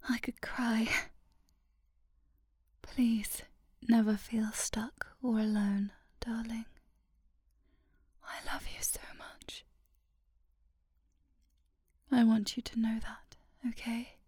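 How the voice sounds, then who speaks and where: A woman whispering a soft, affectionate, sleepy ASMR girlfriend roleplay into a close microphone. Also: on the high side, flat delivery, breathy edge, no room sound. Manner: slow and soothing, sleepy.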